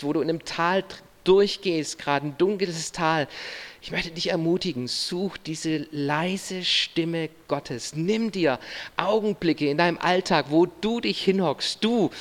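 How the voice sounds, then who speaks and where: High-voiced preaching man, reverberant hall. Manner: earnest preaching that speaks to the listener directly, in short phrases. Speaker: pastor. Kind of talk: sermon. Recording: long reverb of a large hall.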